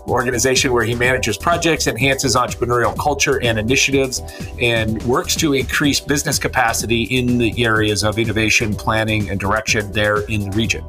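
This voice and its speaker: A man's voice: medium pitch, pushed and bright. A man hosting a podcast, chatting casually in an upbeat, teasing way and reading out a guest's biography. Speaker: podcast host.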